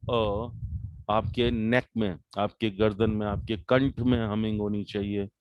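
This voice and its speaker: Leading a guided meditation, a man with an Indian accent speaks in short, calm phrases separated by deliberate pauses. His voice is lowish, there is no echo, and the high frequencies are cut off.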